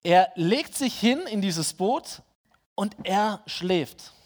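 A man's voice: high-pitched, lively intonation, takes it slowly. A man preaching a sermon in a conversational way, speaking directly to his listeners and asking them rhetorical questions.

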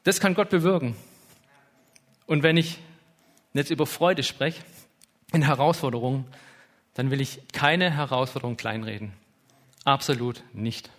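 A man's voice: medium pitch, measured pace, pauses often, a bit bright. A man in his thirties preaching a sermon in an informal, heartfelt way, peppering his talk with interjections. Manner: informal, emotional, with lots of "hey" and "ja".

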